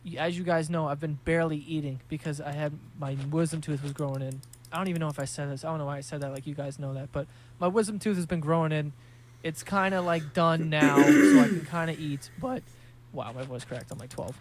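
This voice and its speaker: A man's voice: on the high side, quick pace, slight background noise. A young man hosting a podcast, telling rambling, profane, jokey stories in a casual monologue. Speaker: podcast host.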